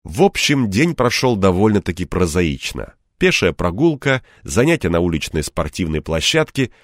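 A man narrating a first-person audiobook in a wry, lively storytelling manner. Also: low-pitched, moderate pace, no room sound, clean studio sound.

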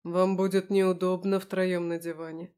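A woman's voice: lowish voice, level tone, unhurried, warm tone, smooth, close to an everyday voice. A woman voicing an injured male werewolf who is sulky and clingy and speaks in a plaintive, pleading way.

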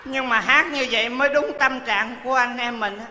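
A man's voice: very high-pitched, brisk, heavily acted. An actor playing a broke male folk-opera actor in a stage comedy sketch, teasing and exasperated. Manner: teasing, exasperated, loud and playful. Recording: echoey hall stage recording.

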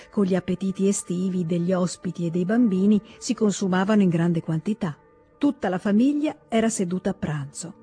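Woman reading a classic novel aloud, steady and measured, warm mellow voice. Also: medium pitch. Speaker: narrator. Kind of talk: scripted narration of a classic novel. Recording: radio audiobook recording with faint music.

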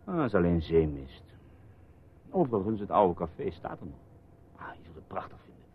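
A low-pitched man speaks very animatedly and a bit fast, playing a reporter husband in a radio drama who is evasive and teasing, with a wry, placating manner. His mood is playful and storytelling. The radio play recording sounds dull and muffled, with a slight hiss or hum.

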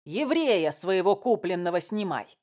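A woman reading an audiobook, voicing a coarse, angry bearded man who shouts roughly. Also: mid-range voice, sing-song, unhurried.

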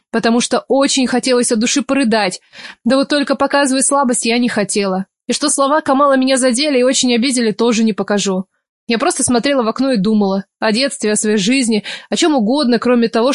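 A woman's voice: a little high, dry recording, studio quality. A woman narrating a novel in the first person, reading expressively with emotion. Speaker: audiobook narrator.

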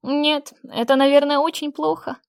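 An excitable young man, pitched high and loud, who keeps pleading and begging for help, as a woman reading the storybook puts him on. His voice stays strained with eagerness, close and dry with no room sound. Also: normal speed, no echo. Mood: anxious.

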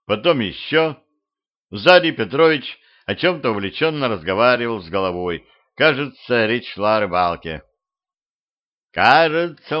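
Smooth-voiced male audiobook narrator. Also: lowish voice. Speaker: audiobook reader. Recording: slightly muffled home recording.

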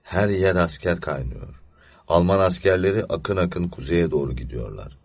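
A man's voice: low-pitched, lively intonation, normal speed. A man voicing a serious, protective older boy. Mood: sad. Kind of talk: audiobook story reading.

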